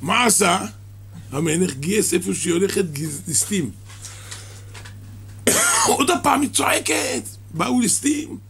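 A man giving a sermon that explains a midrash, halting and restarting his words and coughing now and then. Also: high voice, expressive, gravelly, a bit bright, slight background noise. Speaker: religious teacher.

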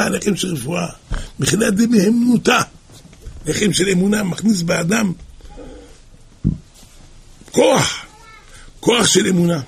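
A man giving a religious sermon, telling a tale with dramatic swings between shouting and hushed speech. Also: sits high, vocal fry, breathy edge. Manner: dramatic storyteller, shouts and drops to near whisper.

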